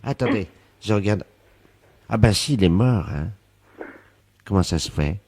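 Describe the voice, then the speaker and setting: Man doing a muddled elderly wife, prank call, dithering, husky, lively swings in pitch. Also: unhurried, no echo, exaggerated voice. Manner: dithering, flips back and forth mid-sentence. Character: muddled elderly wife, scatterbrained and cheerfully morbid.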